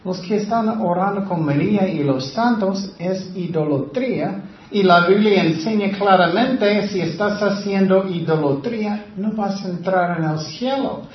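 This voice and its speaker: A man preaching a sermon in Spanish with passion, speaking loudly and swinging between sudden rises and drops, his phrasing slightly broken. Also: high-pitched, unhurried. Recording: roomy, slightly dull sound.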